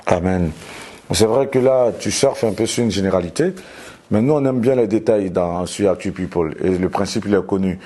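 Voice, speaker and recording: A man's voice: lowish voice, moderate pace, warm tone. A man interviewing a guest in her home, asking probing follow-up questions in a casual, informal way. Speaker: interviewer for an online celebrity news channel.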